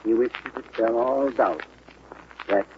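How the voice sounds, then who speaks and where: A man reporting live from a legislative chamber and reading a resolution at a measured pace, heard on an old 1940s radio broadcast. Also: medium pitch. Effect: old 1940s radio broadcast sound. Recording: muffled lo-fi archival radio with faint hiss.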